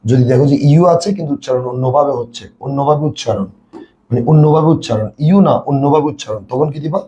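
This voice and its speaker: Bangladeshi male English tutor, very dark mellow tone, drills students with repeated questions. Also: medium pitch, fast, dull audio. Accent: Bangladeshi Bengali. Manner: repetitive, quizzing students with questions. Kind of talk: classroom lesson.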